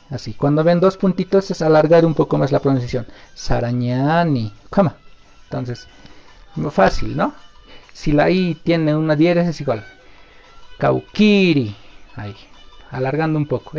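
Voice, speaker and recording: A man teaching a live online language lesson, answering questions patiently and stretching out example words slowly, with many pauses. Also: a little high, creaky, darkish tone, muffled recording.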